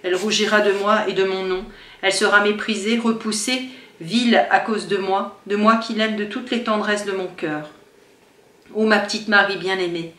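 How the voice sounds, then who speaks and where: A woman's voice: mid-range voice, fairly bright tone. A woman reads a classic novel aloud in the first person, letting the emotion rise and fall as she goes. Her voice carries the echo of the room and sounds set back from the microphone. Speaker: audiobook reader. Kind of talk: dramatic reading of a classic novel. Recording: roomy sound from some distance from the mic.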